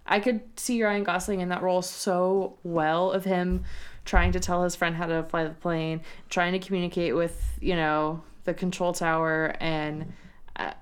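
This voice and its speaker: A young woman from San Antonio, co-hosting a podcast in a relaxed, rambling chat with frequent giggles. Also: lowish voice, a little slow, smooth. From San Antonio, Texas. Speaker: podcast co-host. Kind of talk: casual chat.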